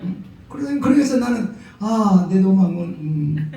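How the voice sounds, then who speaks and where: A middle-aged pastor from the region, preaching a humorous, folksy sermon sudden loud bursts. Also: male voice, high-pitched, lively intonation, a little slow, creaky. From Jeolla, South Korea. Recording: echoey hall, distant mic, faint noise.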